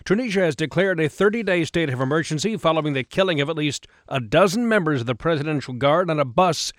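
A man's voice: fairly high pitch, animated, fast talker, dry recording, studio quality. A man reading a scripted radio news bulletin as the anchor.

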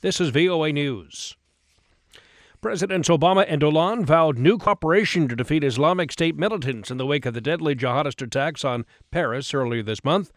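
A man's voice: fairly high pitch, a little fast, hardly any pauses, dry recording, clean studio sound. A man reading a scripted radio news bulletin as the anchor.

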